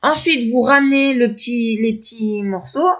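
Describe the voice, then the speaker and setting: A woman's voice: fairly high pitch, normal speed, lo-fi sound. A woman teaching video editing step by step, hesitant and repeating herself as she talks through each click. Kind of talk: screen-recorded editing tutorial.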